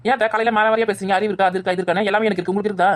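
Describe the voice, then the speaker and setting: A woman playing a defiant rapid-fire daughter-in-law. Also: mid-range voice, fairly even intonation, close to an everyday voice. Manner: argumentative, talks back fast. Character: defiant young daughter-in-law, sleepy and cheeky. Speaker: daughter-in-law in a family skit. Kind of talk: village family comedy skit.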